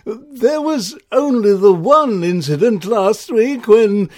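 A man's voice: high voice, expressive, slow pace, darkish tone, voice pushed up, heavily acted. A man voicing a pompous, cold-hearted male Ice King in a children's story. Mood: smug. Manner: pompous, self-satisfied, punning.

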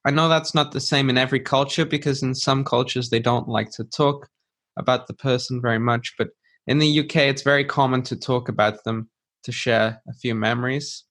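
A man's voice: medium pitch, steady tone, brisk, fairly bright tone. Man explaining things as podcast teacher. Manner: clear, simple explanations with rephrasing for a learner. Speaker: podcast host and English teacher.

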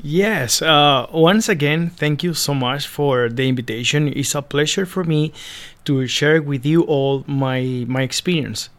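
A man's voice: a little high, unhurried, a bit bright. A young man from Venezuela with a Spanish accent, a seminarian guest telling his story earnestly in a casual interview, often repeating words as he searches for them.

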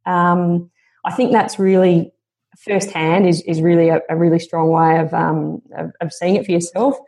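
A woman's voice: fairly low pitch, steady tone, moderate pace, darkish tone. A woman guest on a podcast interview, speaking in an earnest, motivational and reflective way.

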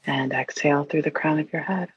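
A woman leading a guided meditation in an airy, breathy, soothing and hushed voice, leaving long pauses. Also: low voice, steady tone. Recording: roomy, dull lo-fi sound.

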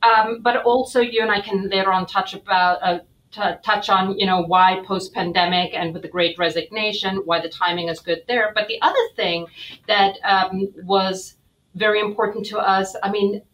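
South african lady cohost, excited chatty podcast talk, says um a lot. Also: mid-range voice, moderate pace, muffled recording. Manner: enthusiastic, frequent ums. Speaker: podcast co-host. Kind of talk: casual podcast interview.

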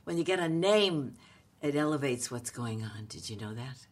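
A woman, talking casually in a halting, wry and playful way as she tells stories. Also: very deep voice, animated. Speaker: comedic actress, podcast co-host. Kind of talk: casual conversational storytelling.

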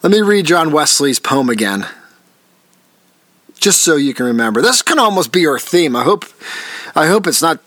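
A man's voice: a little high, big pitch swings, moderate pace, long pauses, a bit bright, no echo. A man hosting his own podcast, talking straight to his listeners as folks in an earnest, encouraging way and often repeating or restarting his phrases. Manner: addresses listeners directly as folks. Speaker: podcast host. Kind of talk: solo podcast monologue.

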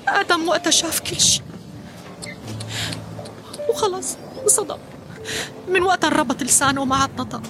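A woman's voice: very high voice, fairly quick, long pauses, over music. A woman playing a grieving mother. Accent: Syrian Arabic. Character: grieving Syrian mother fleeing by boat. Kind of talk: audio drama acting.

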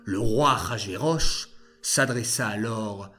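A man narrating a story for children in a slow, expressive way. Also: lowish voice, soft background music.

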